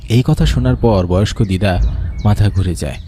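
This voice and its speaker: A man narrating a horror cartoon story in a steady, scripted storytelling delivery. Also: fairly low pitch, moderate pace, a little hiss or hum.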